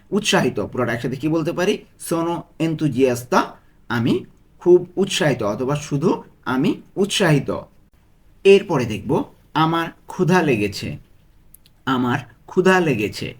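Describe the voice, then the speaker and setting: A man with a Bangladeshi Bengali accent teaching Italian phrases, repeating each one slowly and asking and answering his own questions. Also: a little high. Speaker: language tutor. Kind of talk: Italian lesson taught in Bengali.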